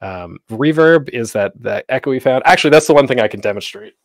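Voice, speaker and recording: A man hosts an online convention panel, explaining things step by step. His voice sits in an ordinary middle pitch and sounds dry and close through a gated microphone. He leans on um fillers and at times chops his words into a careful staccato. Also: lively intonation, dry recording. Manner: explains with frequent um fillers, sometimes deliberately staccato. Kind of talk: online presentation talk. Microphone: desk microphone with a noise gate.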